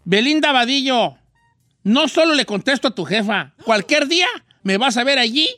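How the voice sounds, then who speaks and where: A man's voice: extremely high pitch, expressive, moderate pace, bright, forceful tone, dry recording, full character voice. A man voicing a cheeky old rancher character with a Mexican accent, hosting a comic radio show and teasingly reading out listener greetings. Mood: joking. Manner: teasing, scolding, playful.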